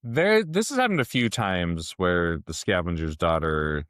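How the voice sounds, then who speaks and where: A man's voice: low voice, expressive, a little slow, fairly bright tone, clear, resonant tone, no echo, clean studio sound. A man co-hosting a podcast, chatting about a book in a hesitant, thoughtful way. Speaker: podcast co-host. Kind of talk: casual book discussion. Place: recording studio.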